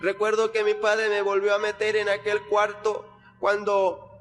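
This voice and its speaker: High-voiced man giving an earnest testimony. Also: monotone, a little slow, a bit bright. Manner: earnest, retelling with repeated phrases. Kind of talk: spoken religious testimony. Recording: long hall reverb with faint music.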